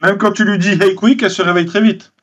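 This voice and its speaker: Fast quipping high-voiced man. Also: steady tone, a bit bright. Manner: brief quipping interjections. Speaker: co-host chatting off to the side.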